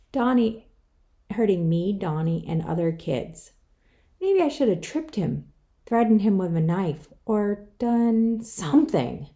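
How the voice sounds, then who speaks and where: Reading her own scripted children's book aloud, a woman narrates in the first person. She has a dark tone and a voice that sits on the low side.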